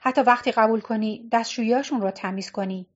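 A woman's voice: a little high, expressive. A woman voicing a resentful young man, a former drummer, who talks in a bitter, complaining way in an audiobook. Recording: dull lo-fi recording.

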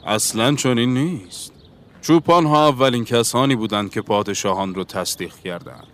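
A man's voice: mid-range voice, a bit bright, natural voice. A man voicing a young shepherd boy, eager and a little defensive, in an audiobook.

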